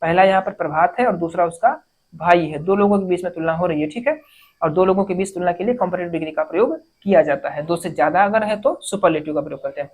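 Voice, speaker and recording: A woman teaching an exam-prep grammar lesson, explaining step by step, asking questions and answering them herself, and reading example sentences slowly. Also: lowish voice, a little mellow, breathy edge. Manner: reads English sentences slowly, word by word.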